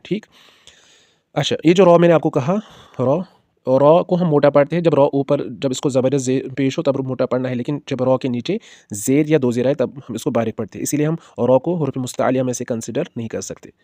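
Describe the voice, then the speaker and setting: A man's voice: mid-range voice, warm tone, no echo. Patient man teaching letter sounds. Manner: patient, repeats each letter slowly and drawn out; checks in with the learner often. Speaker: Quran teacher. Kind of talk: spoken lesson on pronouncing Arabic letters.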